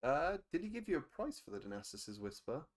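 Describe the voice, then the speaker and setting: A woman's voice: very deep voice, big pitch swings, brisk. A woman running a tabletop game as game master, casual, swearing and laughing along with her players.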